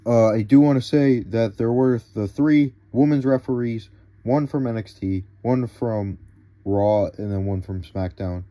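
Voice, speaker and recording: A young man reviews a wrestling show, recapping the event in an excitable, rambling way packed with fillers and restarts. His voice sits in the mid-range and moves at a measured pace, and the lo-fi recording carries no room sound.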